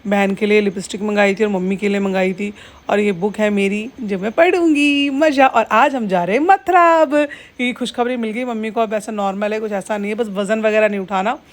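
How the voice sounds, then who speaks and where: A woman's voice: mid-range voice, a little fast. A woman vlogging in a casual, chatty way, talking straight to her viewers as friends. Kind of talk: casual vlog chat.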